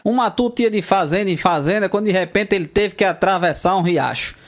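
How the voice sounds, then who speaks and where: A man's voice: a little fast, a little hiss or hum. A male comedian from Northeast Brazil telling a run of jokes about country folk, jumping into character voices for the punchlines. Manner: lively storyteller, jumps into squeaky character voices. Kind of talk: joke telling.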